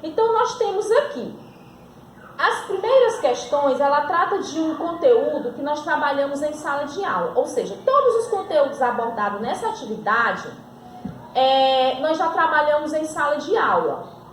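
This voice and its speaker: A woman's voice: high-pitched, very animated, normal speed, a little hiss or hum. A woman teacher with a Brazilian Portuguese accent giving a recorded grammar lesson, asking and answering her own questions and stretching out example words. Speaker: school teacher. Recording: echoey room.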